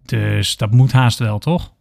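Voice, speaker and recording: A man voicing a calm, caring young woman who speaks softly and with concern. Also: mid-range voice, slow, gravelly, no echo, clean studio sound. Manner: soft, gentle, concerned.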